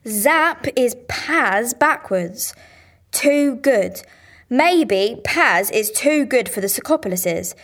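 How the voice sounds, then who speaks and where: An actress playing a sulky, sharp-tongued teenage girl solving a crime, sarcastic and offhand. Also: on the high side, animated, takes it slowly, heavily acted. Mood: reasoning. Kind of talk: radio drama acting.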